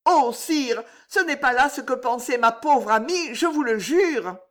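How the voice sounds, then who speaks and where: A woman's voice: sits high, unhurried, voice pushed up. A woman reading an audiobook, voicing a passionate, tearful young woman pleading with a king. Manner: pleading, emotional, breathy at times.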